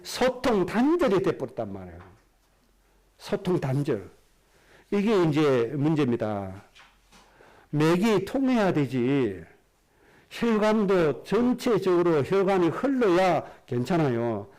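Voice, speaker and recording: Lively Korean pastor preaching. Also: male voice, low-quality recording. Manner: asks the congregation rhetorical questions; slows down and drops low at the end of phrases. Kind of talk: sermon.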